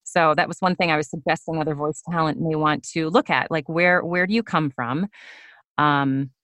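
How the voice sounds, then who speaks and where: A woman's voice: deep voice, fairly bright tone, dry recording. A woman who works as a voice actor, speaking as a guest on a podcast in a thoughtful, slightly hesitant way. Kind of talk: podcast interview.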